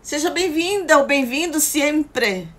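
A woman's voice: high voice, lively intonation, takes it slowly. A middle-aged woman with a Brazilian accent chatting casually with viewers as the host of a livestream. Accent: Brazilian Portuguese. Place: indoor room at home. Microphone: phone at arm's length.

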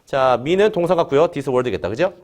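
A man teaching an English grammar lesson in Korean, opening nearly every phrase with "자" and drilling students with quick questions they answer back. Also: medium pitch, animated, darkish tone. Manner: drills students, has them repeat after him.

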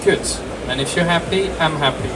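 Speaking at a moderate pace, this man has a voice on the high side. He is a French game designer in his thirties addressing an audience casually and cheerfully, often repeating words. The recording comes from a distant camera mic in a small, dark convention room with loud background noise.

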